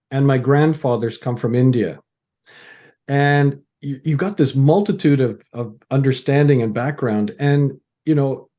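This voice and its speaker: With a medium-pitched, dark-toned voice, this middle-aged man from Canada chats casually as a guest on a podcast. He leans on stories and analogies to make his points and frequently starts over mid-thought.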